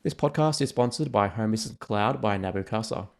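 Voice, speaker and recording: A man's voice: fairly low pitch, fairly quick, vocal fry. A man hosting a podcast, friendly and chatty. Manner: friendly, chatty, reads sponsor lines. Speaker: podcast host.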